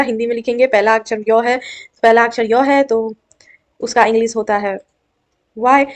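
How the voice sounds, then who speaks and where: Young woman, fairly high voice, grammar teacher, exam-prep lesson, coaxing, checks understanding often.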